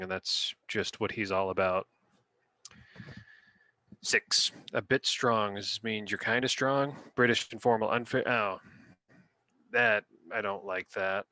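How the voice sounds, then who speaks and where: A man's voice: on the low side, pushed and bright, dry recording. A man co-hosting a podcast, rating dictionary words in casual chat and reading definitions aloud in a playful, rambling way. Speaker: podcast co-host.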